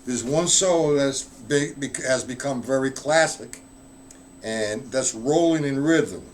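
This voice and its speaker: A drum teacher runs a casual live-streamed lesson, explaining rudiments in a loose, chatty way and answering viewers in the chat. His medium-pitched voice moves slowly, with a little hiss or hum in the background.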